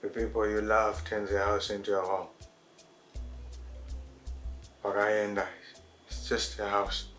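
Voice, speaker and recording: A man's voice: on the low side, completely flat delivery, normal speed, a bit bright, close to an everyday voice. Male actor, Zimbabwean accent, guilt-ridden divorcing man, bitter and self-accusing, television drama, faint music bed. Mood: dejected. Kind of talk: television drama acting, switching between Shona and English.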